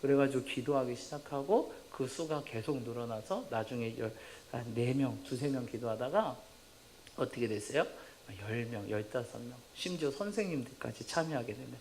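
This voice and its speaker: A male pastor preaching a sermon in a church sanctuary. He tells a personal testimony in a lively, humorous way, acts out the dialogue and laughs at his own stories. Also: mid-range voice, normal speed, a little hiss or hum.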